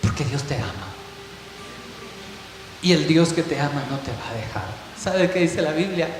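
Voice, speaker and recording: A man preaching a sermon as pastor, telling a story, swinging from hushed passages to loud ones. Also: fairly high pitch, animated, moderate pace. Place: church. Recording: echoey church hall with faint hiss.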